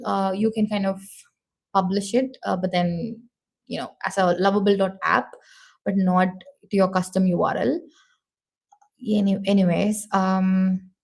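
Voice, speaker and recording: Chatty Indian woman with a gravelly edge. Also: mid-range voice, darkish tone. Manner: thinking aloud, many fillers, chatty. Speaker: show host. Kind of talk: casual screen-share tutorial.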